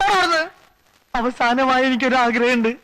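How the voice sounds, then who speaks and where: A man's voice: extremely high pitch, moderate pace, pushed and bright, poor audio. A man playing a melodramatic, whiny sidekick in a film comedy, groaning weakly as if dying of hunger. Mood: self-pitying, pleading. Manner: whiny, self-pitying, exaggerated weak sufferer. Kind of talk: broad film comedy acting.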